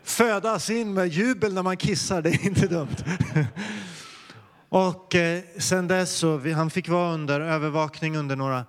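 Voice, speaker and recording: A middle-aged Swedish man preaching a sermon, telling personal stories with earnest warmth and rising into fervent calls to prayer. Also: a little high, clean tone, big-room sound. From Sweden. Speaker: pastor.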